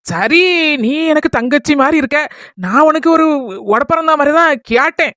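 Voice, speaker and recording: A woman's voice: sits high, normal speed, no room sound, studio quality. A woman playing a soothing, kindly neighbour. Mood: friendly. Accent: Kanyakumari Tamil. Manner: gentle, soothing, affectionate. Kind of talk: comedy skit acting.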